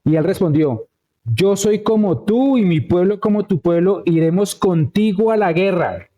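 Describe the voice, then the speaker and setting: A man's voice: high-pitched, lively intonation, a little slow, warm tone. A man preaching a conversational sermon, telling a Bible story and checking in with the congregation. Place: church.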